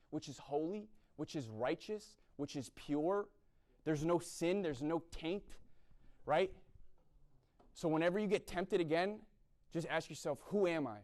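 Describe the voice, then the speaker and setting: Speaking a little slowly in a high-leaning, darkish voice, a young man from the US East Coast addresses a university chapel event. He preaches bluntly, often checking in with "right?".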